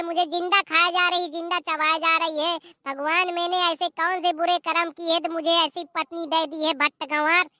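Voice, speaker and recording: A shrill, exasperated village husband in a cartoon comedy, forever scolding and griping, voiced by a performer. The tone is very high and bright. It sounds close and dry, with no room around it. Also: no room sound. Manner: shouting, complaining, scolding. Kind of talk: animated comedy voice acting.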